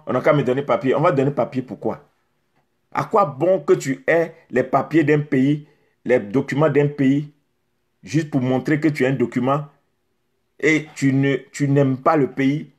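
The speaker is a middle-aged pastor with a medium-pitched, darkish voice carrying a breathy edge. Facing the camera indoors against a beach backdrop, he preaches with rhetorical questions and repeats points emphatically.

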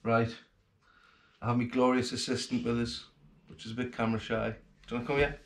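A man's voice: mid-range voice, monotone, brisk, noisy background. Man, fishing vlog host, casual thankful chatter, echoey home room, camera mic a few feet off. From England. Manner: chatty and grateful, plain-spoken. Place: home kitchen, then living room, indoors. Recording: roomy home acoustics.

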